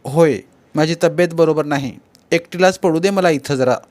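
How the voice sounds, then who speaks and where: Man doing a young woman dancer, playful, teasing, scolding, voice pitched well above his own. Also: normal speed, darkish tone, natural voice. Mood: weary. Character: young female tamasha dancer, playful and spirited.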